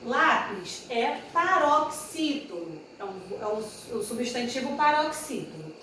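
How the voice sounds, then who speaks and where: Woman, teacher, high voice, slow patient delivery, distant mic in an echoey room. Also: very animated, bright, forceful tone, a little hiss or hum. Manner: patient, repeats each example and corrects herself. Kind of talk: grammar lesson at a whiteboard.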